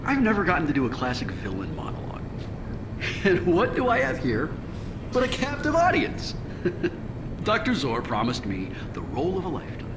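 A theatrical, gloating villain monologue, wildly swooping. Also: male voice, fairly high pitch, wildly swooping pitch, moderate pace, background noise. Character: vain, gloating villain, a self-declared world's greatest actor. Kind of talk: video game voice acting.

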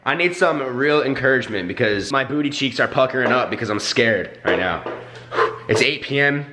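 An expressive, sharp-toned mid-range voice at a moderate pace comes from a young man vlogging for YouTube through a house's bedroom and hallways. He speaks into an arm's-length handheld camera with playful, hyped energy in casual vlog style, and gets whiny when pleading.

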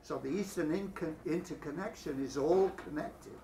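A man's voice: a little high, moderate pace, a crowd in the background. Male audience member, opinionated, picked up from across the room. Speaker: audience member asking a question. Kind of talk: question from the floor. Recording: distant mic with faint room noise.

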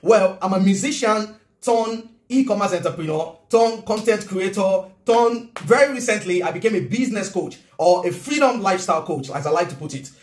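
A man's voice: high-pitched, moderate pace. A man in his thirties with a Nigerian accent, talking casually and earnestly to camera from his home kitchen. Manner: animated, gestures a lot, earnest. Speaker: vlogger and business coach. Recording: roomy room echo.

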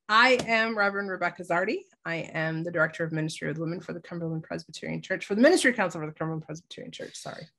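A woman's voice: fairly low pitch, fast talker, fairly bright tone. A woman with a stuffy, nasal voice from a cold, hosting a casual church Bible study and leading prayer. She talks cheerfully and laughs easily.

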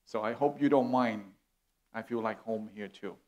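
A middle-aged Vietnamese man, a guest speaker on a church stage, preaches an earnest sermon, warm and gesturing as he talks. His voice is on the low side at a normal pace, and the audio sounds dull.

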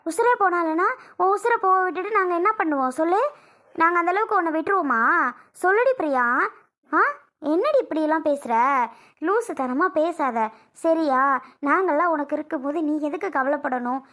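A woman playing a caring elder sister who coaxes, gently scolds and reassures her younger sister in an amateur family drama skit. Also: extremely high pitch, normal speed. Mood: scolding.

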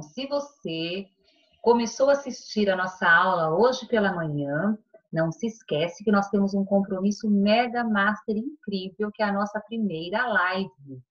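A woman's voice: medium pitch, fairly bright tone, muffled recording. A young Brazilian woman teaching a recorded online class, cheerful and sing-song, stretching the key words as she goes. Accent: Brazilian Portuguese.

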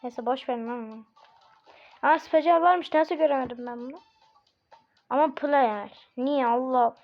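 A woman hosting casual gameplay commentary, chatty and bursting into excited shouts at the game. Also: sits high, unhurried. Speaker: gaming channel host. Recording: muffled lo-fi recording with faint game music.

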